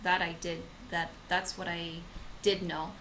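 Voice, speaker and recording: A woman's voice: fairly low pitch, little pitch movement, a little slow, pushed and bright, a little hiss or hum, rough recording. A young woman co-hosting a channel, introducing herself in casual talk with many hesitant fillers and restarts. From Okinawa, Japan; grew up in the United States. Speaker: channel co-host. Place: home in Madrid.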